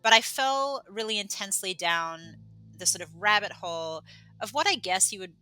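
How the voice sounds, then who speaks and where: A woman's voice: medium pitch, lively intonation, normal speed, sharp tone, clean tone, faint music behind, low-quality recording. A woman from England, raised in Australia, chatting as a podcast guest in a rambling, self-deprecating way with lots of fillers and restarts. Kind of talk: casual conversational interview.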